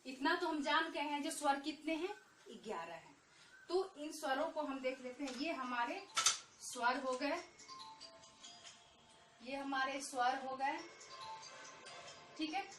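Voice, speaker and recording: A high-pitched woman teaches schoolchildren a lesson, speaking slowly and patiently and stretching out the vowel sounds she demonstrates. She sits a little back from the microphone, so her voice carries the echo of the room. A faint room hum lingers behind her. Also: distant mic, music in the background. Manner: slow, patient, repeats points and drawn-out vowel sounds. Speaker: Hindi teacher. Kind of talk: online Hindi lesson for children. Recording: echoey room, voice a bit off-mic.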